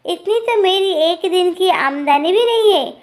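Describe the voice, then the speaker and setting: A woman's voice: very high-pitched, lively intonation, measured pace, pitched above the performer's own voice. A woman voicing an exasperated young husband who scolds his wife.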